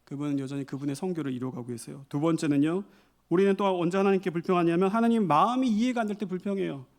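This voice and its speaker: A man's voice: high voice, fast talker. A man missionary preaching a Sunday sermon in a church, telling stories and building to emphatic exhortations. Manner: storytelling, with rising emphatic exhortations. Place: church sanctuary.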